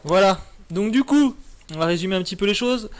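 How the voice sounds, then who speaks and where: A man's voice: high voice, lively intonation, fairly quick, faint music behind. A young man wrapping up a live stream in casual chat, rambling with many fillers and restarts.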